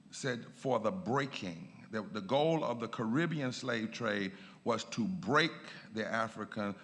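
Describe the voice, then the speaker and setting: A man, a pastor, giving a lecture in a church, emphatic and rising in pitch on key points. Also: a bit bright. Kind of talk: lecture with a preaching cadence. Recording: long church reverb.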